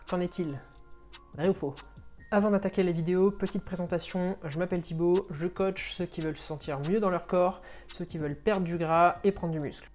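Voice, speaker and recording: A man's voice: fairly high pitch, a little mellow, a little hiss or hum. A man, a fitness coach, explaining things in an informal way, talking straight to the viewer while he walks. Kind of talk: casual explainer video.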